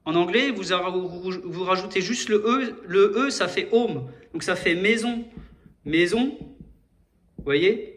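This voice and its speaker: Male host, high bright voice, rambling solo explainer who keeps correcting himself and checking in with viewers. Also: slow. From France. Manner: hesitant, restarts often, addresses viewers directly. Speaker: video host explaining number codes.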